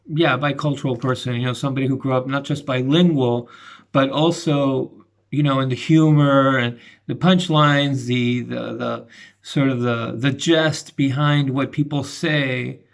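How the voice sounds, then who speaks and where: A middle-aged man talking through a casual video commentary, halting and restarting often. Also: mid-range voice, gravelly. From grew up between the United States and Argentina. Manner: halting, many restarts and fillers. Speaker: channel host giving commentary.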